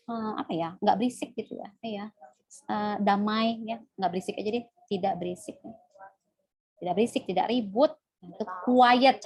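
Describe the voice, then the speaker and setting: Chatty young woman teaching a live class. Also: on the high side. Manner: chatty, addresses viewers as guys, self-correcting. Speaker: English teacher. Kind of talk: casual live online lesson.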